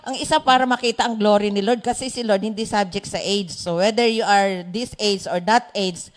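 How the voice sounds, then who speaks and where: A woman with a Filipino accent leading a Bible study, chatty and quick to laugh. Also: mid-range voice, steady tone. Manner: chatty, laughs often, mixes in English. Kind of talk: Bible study sharing in Taglish.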